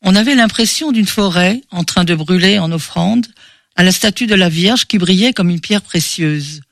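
High-pitched male audiobook narrator. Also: moderate pace, a bit bright, dry recording, clean studio sound.

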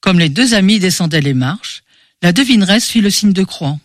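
A man narrating a novel in a measured, expressive way. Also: sits high, no echo, studio quality. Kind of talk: scripted audiobook narration.

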